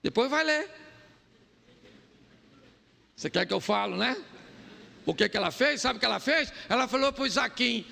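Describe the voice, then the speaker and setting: A man's voice: very high voice, moderate pace, vocal fry, pauses often. A man with a Brazilian Portuguese accent preaching a comedic sermon as a pastor, acting out the people in his stories. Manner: animated storytelling, acts out quoted voices. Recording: long hall reverb.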